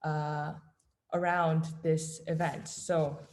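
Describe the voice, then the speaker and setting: Woman from Canada, lowish voice, hesitant host intro with frequent ums over a video call. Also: flat delivery. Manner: many ums and pauses, soft-spoken. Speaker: event host.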